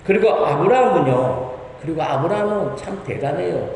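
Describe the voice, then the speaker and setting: An impassioned male pastor delivers a Sunday sermon, pressing the congregation with rhetorical questions. His voice sits slightly high and swings widely in pitch. Heavy, long reverb from the church hall surrounds every word, over a faint room hum. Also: animated, normal speed, creaky, a little mellow. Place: church sanctuary.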